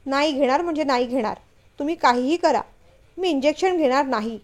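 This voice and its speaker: A woman's voice: high voice, a little fast, lightly acted. A woman reading a story, voicing a stubborn, frightened young wife who whines and refuses. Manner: whiny, stubborn.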